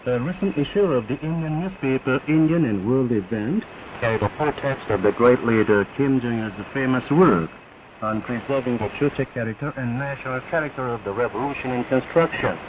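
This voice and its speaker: North newsreader guy, higher voice, solemn formal reading, muffled hissy shortwave sound. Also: fairly quick. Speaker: radio newsreader. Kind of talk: North Korean newsreader, formal scripted state radio bulletin. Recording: hissy, noisy, muffled shortwave radio recording.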